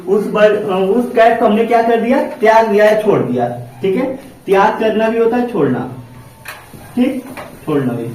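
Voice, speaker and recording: A man's voice: sits high, darkish tone, slight background noise. A male teacher giving a vocabulary lesson in a classroom, asking questions and answering them himself. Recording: very echoey room, distant mic.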